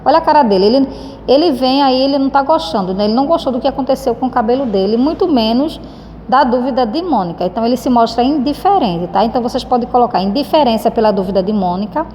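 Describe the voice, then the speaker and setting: A woman's voice: on the high side, animated, quick pace, dark tone. A Brazilian woman teaching a recorded lesson. She speaks affectionately and keeps checking in with her students. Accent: Brazilian Portuguese. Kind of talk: recorded lesson explaining a textbook. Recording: reverberant room with faint background noise.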